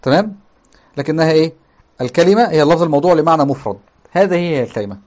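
A man's voice: on the high side, lively intonation, very fast, darkish tone, dull audio. A man teaching a grammar lesson. He explains step by step, repeats key terms, often checks with his listeners, and raises his voice when he quotes the text.

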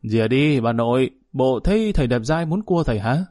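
A man voicing a rowdy male student in a story, deep and booming, teasing. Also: lively intonation, a little fast, a little mellow, no echo, clean studio sound, faint music behind, close to an everyday voice.

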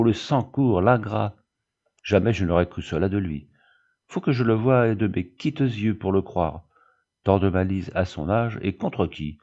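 A man's voice: on the low side, mellow, highs cut off. A man doing an indignant peasant nurse. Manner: exclaiming, country speech. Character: indignant, fretful peasant nurse, middle-aged woman.

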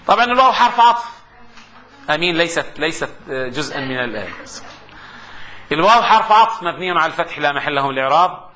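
Man, middle-aged, classroom grammar lecture, lively dictation, muffled recording. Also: a little high, fast talker, a little hiss or hum. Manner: lively, repeats terms for dictation, jokes with students.

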